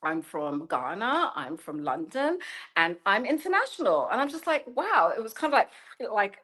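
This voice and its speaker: In a medium-pitched, sing-song, fairly bright voice at a moderate pace, a woman in her thirties, a journalist and storyteller living in China, reflects thoughtfully as an interview guest. She gropes for words, restarts, and leans on "you know" often.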